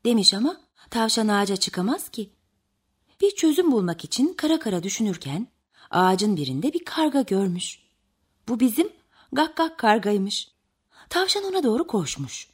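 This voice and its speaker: A woman narrating a children's animal tale in an expressive storytelling manner. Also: fairly high pitch, moderate pace, breathy edge.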